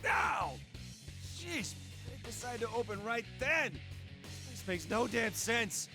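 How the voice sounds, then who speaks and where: A gruff, hot-headed delinquent teen, as a man puts him on, his raised voice jumping around as he barks. He is brash and combative, with game music clearly audible behind him. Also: extremely high pitch, expressive, takes it slowly, pitched above the performer's own voice, full character voice. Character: tough teen delinquent boy, hot-tempered.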